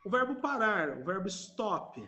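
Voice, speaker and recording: A man's voice: sits high, sing-song, unhurried, very noisy. A man with a Brazilian Portuguese accent teaching English on a video call, patiently repeating words for his students to echo. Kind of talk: online class teaching.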